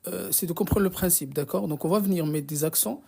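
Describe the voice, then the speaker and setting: A teacher of Arabic reading runs a live online lesson with a mellow, gravelly voice. The delivery is patient and unpolished, full of restarts and little checks like "d'accord?". Arabic blessings come up now and then between the explanations. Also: medium pitch, fairly quick.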